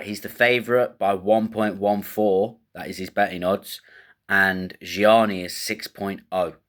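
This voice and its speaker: Guy with a lowish voice rambling thru fight betting picks, slangy, swears a bit, very casual. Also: a bit bright. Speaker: host of a fight betting show.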